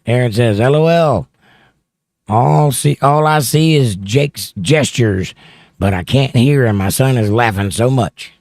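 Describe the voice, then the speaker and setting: Unhurried and darkish in tone, this medium-pitched male host reads his livestream chat aloud and chats casually about the comments. He speaks into a studio mic close to his mouth, with no echo.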